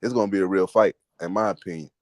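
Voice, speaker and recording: A man's voice: sits low, steady tone, quick pace, no echo. A man co-hosting a podcast in casual chat, speaking bluntly with heavy slang and free swearing. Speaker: podcast co-host.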